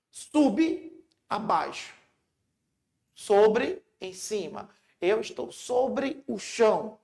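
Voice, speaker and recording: A Brazilian man teaching a live exam review lesson. He explains step by step, asks his own questions and answers them, and stretches key words slowly for emphasis. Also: high voice, vocal fry.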